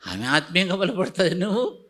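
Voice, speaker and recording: A man preaching a sermon as pastor, with emphatic repeated refrains that drop to a soft, pleading hush. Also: high-pitched, big pitch swings, fairly quick.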